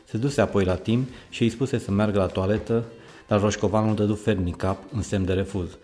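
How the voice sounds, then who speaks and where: A man with a fairly low voice reads a children's story aloud, lively and expressive. Faint music plays quietly under his narration.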